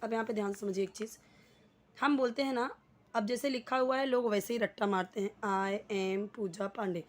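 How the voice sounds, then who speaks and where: A woman's voice: medium pitch, fairly even intonation. Hindi-speaking woman teaching spoken English. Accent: Indian. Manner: explains patiently, repeats phrases slowly.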